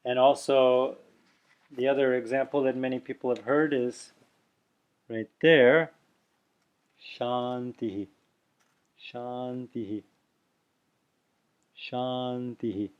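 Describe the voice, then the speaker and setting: A man's voice: mid-range voice, a little mellow. Patient man teaching pronunciation. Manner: patient, explanatory, demonstrates sounds slowly. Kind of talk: instructional video lesson. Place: indoors, on camera showing his mouth.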